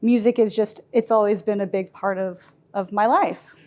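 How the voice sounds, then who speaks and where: A woman's voice: medium pitch, steady tone, moderate pace, a little mellow. A woman in her thirties, a head music librarian, answering interview questions in a friendly, casual way with many fillers and restarts.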